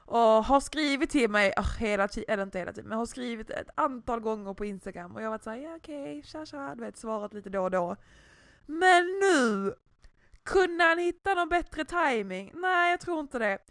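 A young woman chatting casually, telling a story with lively acted-out quotes. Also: a little high, no echo. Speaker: podcast co-host. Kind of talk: casual chat.

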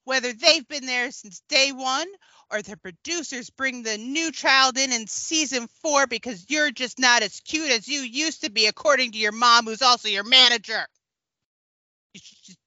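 A woman's voice: sits high, moderate pace, pushed and bright, dry recording. A woman doing a bubbly teen idol girl. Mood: perky. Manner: bubbly, sugary parody. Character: perky teen girl idol, self-absorbed. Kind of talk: comedy bit on a podcast. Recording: dry, dull lo-fi sound.

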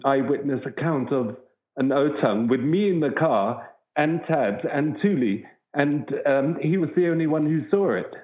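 A man, a wildlife researcher, telling an earnest, rambling story as an interview guest. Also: medium pitch. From southern Africa. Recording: tinny phone-like line with echo.

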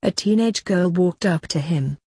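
A woman reading a sci-fi story aloud as narrator, in a steady, plain manner with a husky voice. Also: on the low side, measured pace, dry recording.

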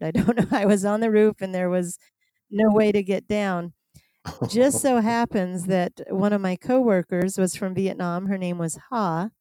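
A woman's voice: on the low side, warm tone, dry recording. A woman, an interview guest from the tourism field, telling a story from her first job and chuckling through it. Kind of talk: anecdotal storytelling.

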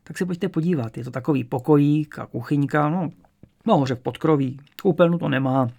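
A man's voice: fairly high pitch, creaky. A man reading an audiobook, voicing a small, chatty old landlady of about seventy who talks in a cautious, fussy way. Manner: fussy, cautious, then eager and warm. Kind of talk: audiobook character voice.

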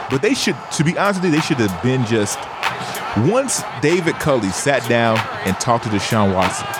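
A man hosting a casual sports talk show in an energetic, emphatic manner. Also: mid-range voice. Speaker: sports podcast host.

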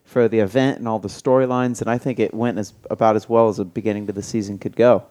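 A man's voice: lowish voice, steady tone, fast, dark tone. A man co-hosting a surf podcast, talking enthusiastically and explaining his points one by one. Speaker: podcast co-host. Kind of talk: casual chat.

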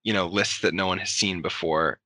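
A man's voice: sits low, fairly even intonation, brisk, bright, forceful tone, no echo. A man hosting a casual podcast chat, enthusiastic and rambling with fillers. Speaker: podcast host.

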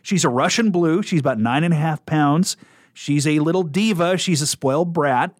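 A man's voice: a little high, normal speed, dry recording. Talkative man on a studio radio show. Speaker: radio talk show guest and coworker. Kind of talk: casual interview chat.

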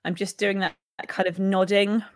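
A young woman co-hosting a podcast, with a croaky, husky voice, chatting and laughing as she rambles. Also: mid-range voice, flat delivery, normal speed, dry recording. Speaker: podcast co-host. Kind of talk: casual podcast chat.

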